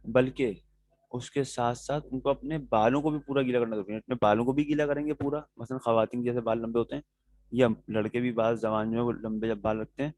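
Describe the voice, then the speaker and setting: A male teacher leads a class on religious rulings at a patient, methodical pace, pausing to check that his students follow. His voice sits at an ordinary pitch. It is recorded dry and close, with no room echo. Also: steady tone, a little mellow. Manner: patient, explains step by step, checks in with "okay"; answers students' questions directly.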